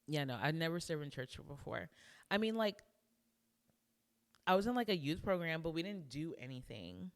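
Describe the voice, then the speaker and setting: A young adult woman co-hosting a podcast, telling a story in a casual, animated way and acting out what people said. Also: sits low, normal speed, pauses often. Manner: animated storyteller who acts out quotes. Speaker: podcast co-host. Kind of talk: casual chat.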